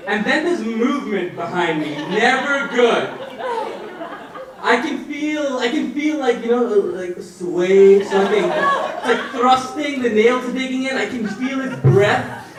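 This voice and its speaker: A young man doing a stand-up set on stage, rambling and stammering with sudden shouted outbursts. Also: very high voice, animated, unhurried, crowd noise. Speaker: stand-up comedian. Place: comedy stage in front of a live audience. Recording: echoey room, mic heard from a distance.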